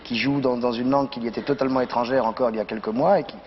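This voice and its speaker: A man's voice: medium pitch, steady tone, very fast. A man, an actor being interviewed, speaking casually and repeating words as he searches for phrasing. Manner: hesitant, repeating words as he goes. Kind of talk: thoughtful casual interview talk. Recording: dull, reverberant, slightly noisy TV recording.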